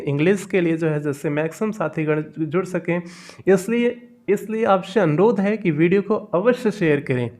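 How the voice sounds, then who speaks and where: A man teaching an online grammar lesson, asking the class questions, answering them himself and repeating the key words. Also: high voice.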